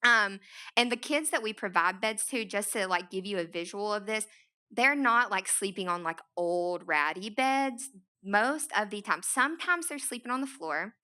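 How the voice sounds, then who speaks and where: A woman's voice: mid-range voice, bright, forceful tone. A woman with an East Tennessee Appalachian Southern accent giving an informal, chatty, self-deprecating talk as a nonprofit founder. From East Tennessee, United States. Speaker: nonprofit founder speaking to an audience. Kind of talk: informal, conversational public talk.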